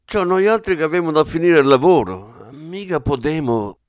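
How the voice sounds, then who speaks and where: A man voicing a gruff working-class plumber with a Venetian accent, speaking blunt dialect. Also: fairly high pitch, expressive, normal speed, no room sound, studio quality, voice pushed up, natural voice. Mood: defensive. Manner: blunt, offhand dialect speech.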